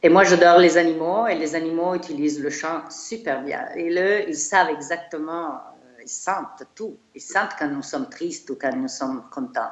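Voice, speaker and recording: A woman's voice: deep voice, normal speed, echoey room, highs cut off. A middle-aged Italian woman speaking French with an Italian accent, a chiropractor talking as a guest in a casual interview, hesitant with many fillers and restarts. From Italy.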